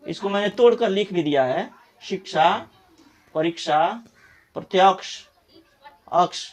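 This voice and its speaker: A middle-aged man with a Bihari Hindi accent teaching pronunciation, saying example words slowly one at a time. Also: high-pitched. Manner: slow, deliberate, repeats example words one by one. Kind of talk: pronunciation lesson.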